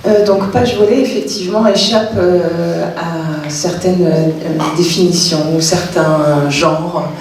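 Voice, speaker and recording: A woman's voice: fairly low pitch, fairly even intonation, slow pace, hardly any pauses, a little mellow, a little hiss or hum. A woman author speaking at a public literary talk, hesitant, with many fillers and restarts. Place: cultural centre hall. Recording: echoey hall from far off.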